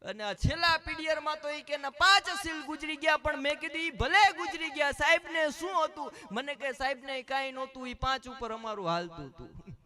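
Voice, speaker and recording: A man's voice: very high voice, a little fast, crowd noise. A man telling comic stories as a stand-up comedian, switching into quoted voices. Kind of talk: stand-up storytelling.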